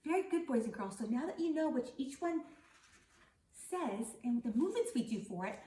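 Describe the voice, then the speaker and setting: Lady kindergarten teacher talking to little kids, highish voice, echoey room, bit far from the mic. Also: expressive, warm tone. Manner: speaking to small children, slow emphasized key words and drawn-out letter sounds. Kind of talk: phonics lesson for young children. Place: indoor room set up as classroom. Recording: roomy echo, distant mic.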